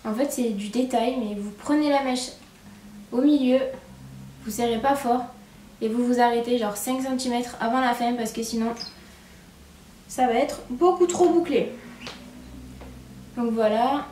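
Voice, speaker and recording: A young woman with a regional French accent, casually talking through a hairstyling tutorial at home, filling pauses with "hop" and "voilà". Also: fairly high pitch, recorded from a distance. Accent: regional French accent with a marked "hein". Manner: chatty, relaxed, lots of "hop" and "voilà" while working. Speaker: hair tutorial presenter. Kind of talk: casual how-to demonstration. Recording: echoey room, speaker away from the mic, faint background noise.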